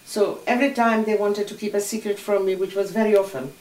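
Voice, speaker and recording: An older Hungarian woman, whose first language is Hungarian, recalls the past as an interviewee in an oral history recording. Her mid-range voice is steady, fast and slightly dark. The mic sits far from her, and the room adds a roomy echo.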